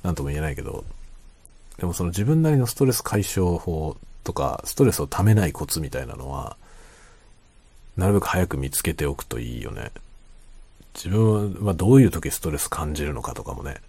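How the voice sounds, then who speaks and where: A man chatting casually in a quiet late-night monologue, musing and circling back over his own phrases. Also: sing-song, a little fast, creaky, slightly rough, no echo. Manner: quiet, low-voiced night-time talking. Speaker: host of a solo talk show.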